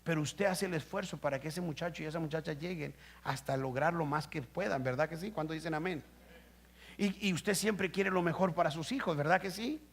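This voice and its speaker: A male pastor delivering a sermon in a high-pitched, gravelly voice. He pushes up into loud, emphatic passages, then drops low and quiet, and keeps turning to the congregation with questions. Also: brisk. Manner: preaching with rising emphatic bursts and rhetorical questions. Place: church. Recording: live stream.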